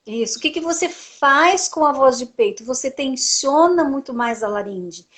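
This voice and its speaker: Woman, speech therapist, slightly high voice, didactic live-stream explainer who asks and then answers her own questions. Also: animated, moderate pace, a bit bright. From Brazil. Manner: frequent tag "né".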